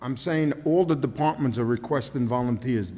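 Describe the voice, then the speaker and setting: Board member rambling on, medium voice, echo of a big hall. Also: male voice, mid-range voice, normal speed, warm tone. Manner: rambling, stacks examples. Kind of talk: public meeting remarks. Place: public meeting room. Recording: long reverb of a meeting hall.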